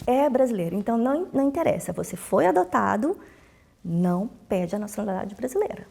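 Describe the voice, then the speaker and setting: Speaking with a Brazilian Portuguese accent, a woman working as a consular official explains rules with emphasis in casual interview answers, repeating the key points and acting out conversations in her anecdotes. Her fairly high voice is creaky, husky and dark in tone, very animated and fairly quick.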